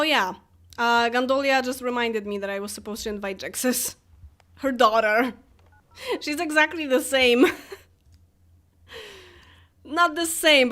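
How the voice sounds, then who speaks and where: Her voice is fairly high and fairly bright as this chatty woman from Poland, a native Polish speaker, streams a game. She gives casual live commentary, laughs a lot and addresses the characters on screen.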